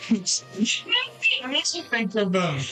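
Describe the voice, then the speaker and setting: A man's voice: high-pitched, a bit bright. A man playing in a tabletop game, chatting and joking casually. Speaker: player. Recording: echoey room.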